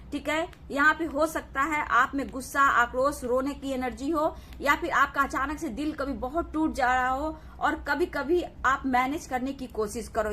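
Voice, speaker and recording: A woman's voice: high voice, pushed and bright, slight background noise. A woman giving a collective tarot reading, addressing viewers as "dear" and often repeating "okay" to reassure them. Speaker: tarot reader.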